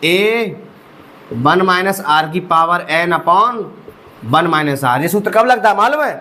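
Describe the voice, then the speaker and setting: A young man with a high, bright voice teaches maths slowly but with animation and a forceful tone in this exam-prep lecture. He takes students through each step, asking rhetorical questions and calling them "bhai sahab."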